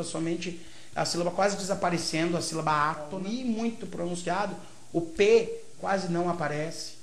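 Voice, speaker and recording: A man from Brazil with a Brazilian Portuguese accent, a teacher giving a grammar lecture who explains step by step and keeps checking in with short tag questions. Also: sits high. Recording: roomy echo.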